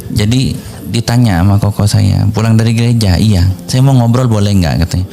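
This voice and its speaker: Mellow-voiced man telling a story. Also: on the low side, fairly quick, creaky. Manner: animated, acts out both sides of a remembered debate. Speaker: guest telling his conversion story. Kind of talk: casual storytelling.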